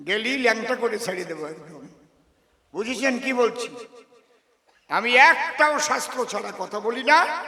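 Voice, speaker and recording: A man's voice: sits high, gravelly, bright, forceful tone, echoey room, long reverb tail. A man with a giving a combative, defiant folk-song discourse on stage, breaking into sung lines and chanted calls. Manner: combative, defiant, challenges scholars. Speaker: kabigaan folk singer and preacher. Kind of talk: stage kabigaan discourse, preaching to a crowd.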